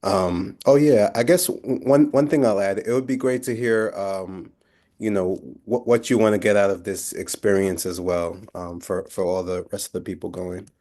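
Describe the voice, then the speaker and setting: A man's voice: sits low, steady tone, moderate pace, mellow. A man hosting a casual video call, thanking each guest and calling on the next speaker. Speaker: host of the session.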